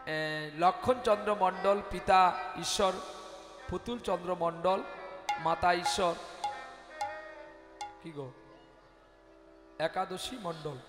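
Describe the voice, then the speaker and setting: A man's voice: sits high, takes it slowly, pauses often. A man preaching and telling stories at a devotional kirtan gathering, dramatic and addressing the audience directly. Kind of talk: devotional kirtan storytelling sermon. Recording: echoey hall with music.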